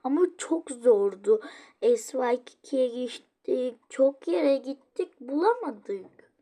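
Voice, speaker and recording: A woman's voice: high voice, expressive, takes it slowly, dark tone, heavily acted. A woman voicing a tired, fussy mother who complains and scolds her daughter. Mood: weary. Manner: complaining, exasperated.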